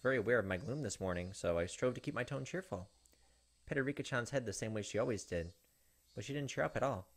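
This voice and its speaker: Game music plays as a let's play host, a mid-range-voiced fast talker, reads visual novel narration with asides. He speaks into a close desk microphone.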